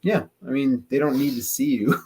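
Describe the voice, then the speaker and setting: A man's voice: medium pitch, normal speed, dark tone, slight background noise. A man co-hosting a casual chat in a laid-back, joking way. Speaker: co-host.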